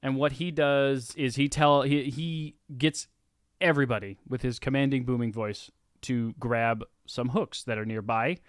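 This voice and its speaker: A man's voice: medium pitch, fairly even intonation, measured pace, smooth, no room sound, studio quality. Easygoing man running a tabletop game. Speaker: game master.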